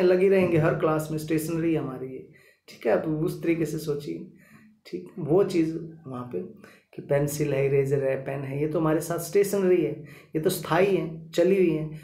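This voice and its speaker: A man's voice: fairly high pitch, dark tone, echoey room. A man teaching a vocabulary lesson, repeating each word several times and checking in with his listeners as he goes. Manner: repetitive, drilling each word with "ठीक है".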